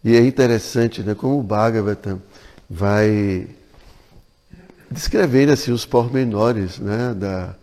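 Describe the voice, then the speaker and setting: A man's voice: lowish voice, unhurried, mellow. A man teaching a scripture class, retelling stories in a chatty way full of tag questions, in an ecovillage temple hall. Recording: long hall reverb.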